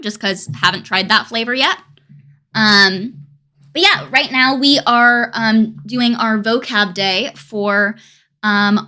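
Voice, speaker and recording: A woman's voice: mid-range voice, pushed and bright. A young adult woman chatting casually on a live stream, rambling with dry, self-mocking humor and frequent laughs.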